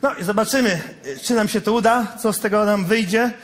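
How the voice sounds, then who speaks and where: A man performing on stage, acting in a sketch and welcoming the audience in a brisk, commanding manner. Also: sits high. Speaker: cabaret performer and host. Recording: live stage with loud audience and noise.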